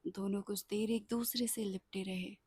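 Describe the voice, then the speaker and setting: A woman narrating a romance story in a soft, half-whispered storytelling voice. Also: mid-range voice, steady tone, normal speed, breathy edge.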